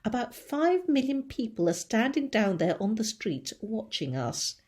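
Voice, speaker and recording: A woman voicing a panicky, blustering male fire chief who shouts in drawn-out alarm, read aloud from a storybook. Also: a little high, sing-song. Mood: grim.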